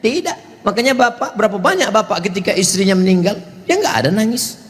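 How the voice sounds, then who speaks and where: A man's voice: high voice, very animated, fast talker. A male Islamic preacher giving a humorous sermon to a large evening gathering, joking, acting out voices and asking the crowd for replies. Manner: jokes and acts out voices, asks the crowd for replies. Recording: reverberant hall, faint ambience.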